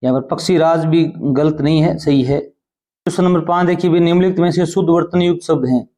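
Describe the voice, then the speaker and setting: A male teacher running an exam-prep lesson who explains answers step by step and often asks quick questions. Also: a little high, warm tone.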